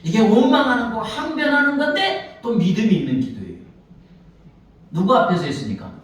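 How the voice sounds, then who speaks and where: A male pastor with a high-pitched, sing-song voice preaches a brisk Sunday sermon in a church sanctuary, acting out pleading prayers and putting questions to the congregation. The recording is echoey, with the mic at a distance.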